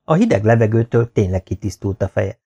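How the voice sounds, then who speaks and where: A man reading a novel aloud as an audiobook narrator, in a steady, even manner. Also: on the low side, slightly rough. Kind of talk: scripted narration.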